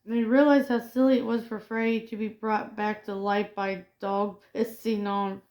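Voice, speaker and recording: A woman's voice: mid-range voice, flat delivery, normal speed, a little mellow, low-quality recording. A woman co-hosting a casual pop culture chat, reading film trivia aloud and often stumbling over and correcting her words. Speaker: co-host.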